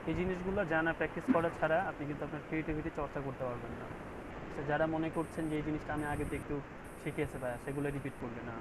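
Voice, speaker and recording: A man's voice: on the high side, racing. Man teaching over a noisy video call. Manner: explains step by step and keeps checking understanding. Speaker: graphic design instructor. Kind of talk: online class lecture.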